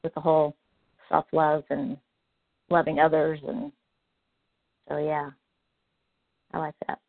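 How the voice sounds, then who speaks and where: A woman's voice: low voice, little pitch movement, slow, vocal fry, no room sound. A woman sharing reflections on a group phone call, agreeable and musing with many fillers. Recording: tinny phone line, dry.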